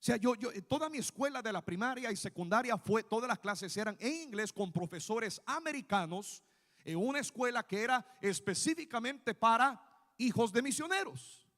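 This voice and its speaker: A man from Guatemala preaching a sermon as pastor, animated and speaking straight to his listeners as brothers. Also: very high voice, moderate pace, big-room sound. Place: church sanctuary.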